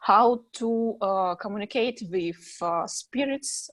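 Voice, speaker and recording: A woman's voice: mid-range voice, slow pace. Polite woman relaying a chat question. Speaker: chat moderator and interpreter. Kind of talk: reading out and translating a question.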